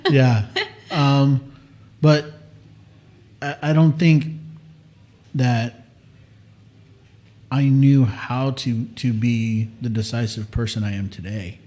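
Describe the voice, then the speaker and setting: Late-30s dude hosting a podcast, mid-pitched, swears a lot, gets animated. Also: male voice, takes it slowly, long pauses. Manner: animated, swears freely, acts out his own quotes. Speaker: podcast host. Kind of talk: casual chat.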